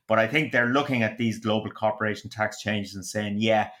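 A man explaining tax policy on a podcast in a measured, hedging way. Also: on the low side, a bit bright. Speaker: economics commentator. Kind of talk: podcast discussion.

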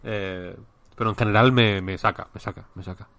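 Low-voiced Spanish man rambling in chat. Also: fairly even intonation, normal speed, a bit bright. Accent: Spain. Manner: rambling, with frequent restarts. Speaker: podcast co-host. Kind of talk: casual chat.

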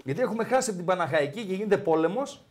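Animated high-voiced male sports host. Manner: animated, teasing storyteller. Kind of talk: casual sports chat.

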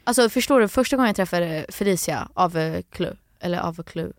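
A woman's voice: on the low side, lively intonation, no echo, studio quality. A young woman co-hosting a podcast in casual chat, blunt and teasing, dropping English phrases into her talk. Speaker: podcast co-host.

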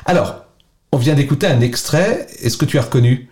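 A man co-hosting a casual podcast, chatty and friendly, often pausing with fillers. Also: medium pitch, lively intonation, a little mellow. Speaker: podcast co-host.

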